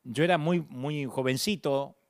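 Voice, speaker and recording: A middle-aged man with a Rioplatense Spanish accent preaching a sermon, dramatic, swinging from loud bursts to hushed tones with self-mocking humor. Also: medium pitch, measured pace, no room sound, clean studio sound.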